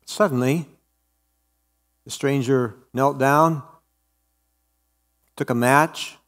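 A male pastor narrating a parable during a sermon in a slow, expressive storytelling manner. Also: mid-range voice, big-room sound.

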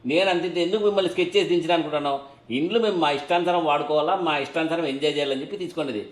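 A man playing a cocky male tenant in a comedy sketch, loud and mocking as he refuses to leave. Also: fairly high pitch, very fast, echoey room, natural voice. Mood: defiant.

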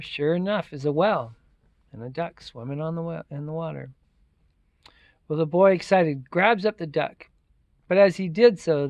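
A man's voice: fairly high pitch, dry recording, highs cut off. A man retelling a folktale in a loose, chatty way, repeating words for effect and using fillers. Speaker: storyteller. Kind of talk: casual oral retelling of a folktale.

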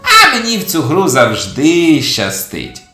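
Storyteller doing a sly little kitten, raised measured voice, lively pitch, roomy sound, soft music. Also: heavily acted. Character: clever little male kitten, calm and sly.

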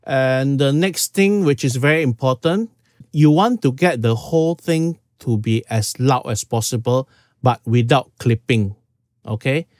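Going step by step through audio settings, a Singaporean man in his fifties gives a casual screen-share tutorial in a small home room, peppering his talk with "okay." He speaks a little slowly, at medium pitch, with a darkish tone, in an echo-free studio-quality recording.

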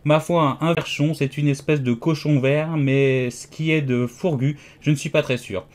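A man's voice: fairly high pitch, steady tone, moderate pace, darkish tone, natural voice. A man reading an audiobook, voicing a pompous, condescending giant egg man who lectures haughtily. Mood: smug.

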